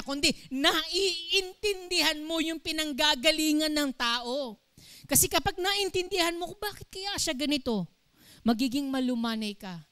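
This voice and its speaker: Lively woman pastor preaching. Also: high voice, no room sound. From Philippines. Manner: animated, asks the congregation questions, acts out quotes. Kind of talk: sermon. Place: church.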